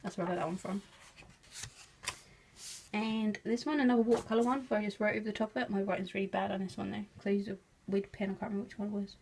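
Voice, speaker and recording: Over a noisy background, an English woman with vocal fry and a steady, medium-pitched voice talks at a quick pace. She's a chatty craft vlogger from England, laughing often and teasing herself as she casually displays her crafts.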